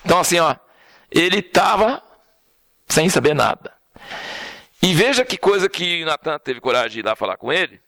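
A man's voice: on the high side, normal speed, vocal fry, long pauses, dry recording. A man preaching an informal sermon, telling the story conversationally and often checking in with "right?" and "understand?". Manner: conversational, animated storytelling with frequent "né?" and "entendeu?".

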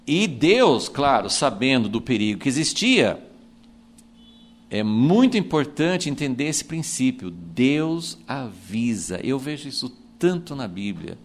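A man with a Brazilian accent teaching from the Bible in a conversational way, animated, acting out quotes and often adding "né". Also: medium pitch, a little slow. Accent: Brazilian Portuguese. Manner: animated, acts out quotes, frequent "né" fillers.

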